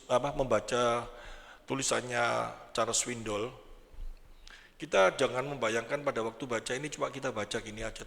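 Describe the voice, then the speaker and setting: A man preaching an Easter sermon as pastor, lively and acting out the cries of the people he describes. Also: medium pitch. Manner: animated, acts out quoted cries and asides. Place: church hall. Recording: long church-hall reverb.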